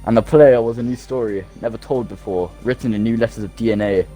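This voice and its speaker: A man's voice: lowish voice, fast, warm tone, soft background music, rough recording. A man casually reading game text aloud over voice chat, joking and swearing between lines. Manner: joking, reads aloud with laughs and profanity. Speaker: gamer reading the game's ending aloud.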